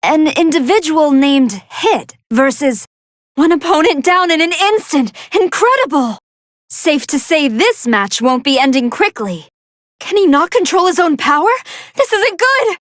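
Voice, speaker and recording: A woman's voice: high-pitched, very animated, unhurried, dry recording, studio quality. A woman voicing a brainy female android scientist who gives articulate, analytical commentary on battles in a video game. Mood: excited, amazed. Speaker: fight commentator.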